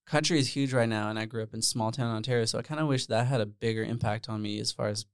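A man from the Netherlands, a musician, chatting casually as a podcast guest in a relaxed, rambling way with many fillers, on a close mic. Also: medium pitch, fast, smooth, no room sound. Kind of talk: casual interview chat.

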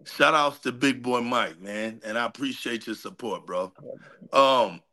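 A man's voice: mid-range voice, measured pace, sharp tone. A man being interviewed as a guest on a livestream, talking from a workshop where his voice echoes around the room. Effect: room echo from a shop space.

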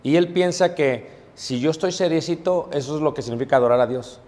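A man's voice: fairly high pitch, brisk, a little mellow. Man preaching in a reverberant hall. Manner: informal, repeats himself, many "eh" fillers and "¿ok?" checks. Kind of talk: conversational Bible class sermon. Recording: long reverb of a large room.

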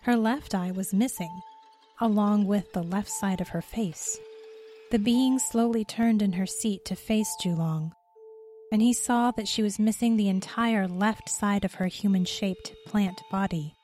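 A woman reads a scripted story aloud in a steady, even voice. Her pitch sits at a typical middle level for a woman. Her delivery stays measured through the narration. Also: soft background music.

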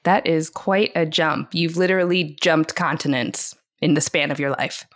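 A woman's voice: low voice, fairly even intonation, moderate pace. A woman co-hosting a casual podcast, upbeat and asking her partner questions. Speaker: co-host.

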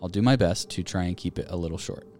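A man's voice: deep voice, fast talker, faint music behind. A man co-hosting a podcast, reading listener ghost stories aloud and chatting casually. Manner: reads aloud in a steady storytelling way. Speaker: podcast co-host.

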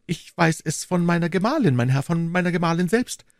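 A man doing a chatty, deferential married man, pitched up. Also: lively intonation, fairly quick, no echo, studio quality. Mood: confiding. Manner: rambling, courteous, confiding.

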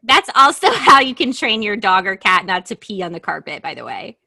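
A woman's voice: medium pitch, big pitch swings, fairly quick, creaky, pushed and bright, dry recording. A woman co-hosting a casual podcast chat, blunt and profane, reading items from a list and laughing often. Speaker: podcast co-host.

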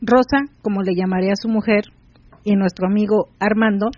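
Host, steady erotic story reading, dull dry audio. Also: mid-range voice, brisk, no echo. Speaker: podcast host.

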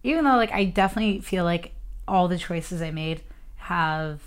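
A woman's voice: lowish voice, expressive, normal speed, clear, resonant tone. A woman guest in a casual dinner chat, easygoing and talking with plenty of "like". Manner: easygoing, filler-heavy with "like".

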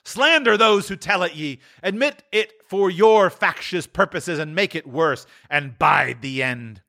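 A man voicing an aging male spirit in a storybook reading, grave and accusing, rising to loud cries. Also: fairly high pitch, lively intonation, measured pace, vocal fry, voice pushed up, heavily acted. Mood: stern. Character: aging giant male spirit, solemn and stern.

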